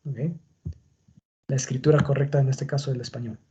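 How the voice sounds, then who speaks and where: A man's voice: medium pitch, little pitch movement, fairly quick, dark tone, highs cut off. A man teaching a class on punctuation, explaining patiently and checking in with his students. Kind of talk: online class on Spanish punctuation.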